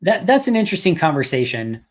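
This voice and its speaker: A man's voice: on the high side, big pitch swings, fast talker. A man hosting a live fan Q&A podcast, chatting casually and thinking aloud, his voice getting worn out. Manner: conversational, thinks aloud with restarts. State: losing his voice. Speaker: podcast host.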